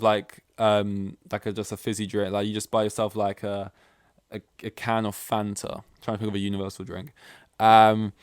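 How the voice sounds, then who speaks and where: A young man chats alone into his mic at home, rambling along and tossing in the odd swear word. His voice sits low and smooth, recorded close and dry. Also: no room sound. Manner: rambling, offhand, swears casually. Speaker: podcast host. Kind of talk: rambling solo podcast chat. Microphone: desk mic, plugged in.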